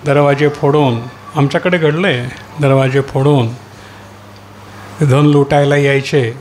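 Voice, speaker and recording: A man's voice: medium pitch, a little hiss or hum. A man preaching a sermon as pastor in a church hall, putting rhetorical questions to the congregation and calling out hallelujah.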